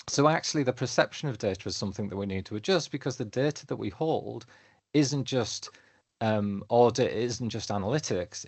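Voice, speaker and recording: A man giving a webinar presentation on his work, lively and fond of analogies, often putting questions to the audience. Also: on the low side, vocal fry, no room sound. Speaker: webinar presenter, council data lead.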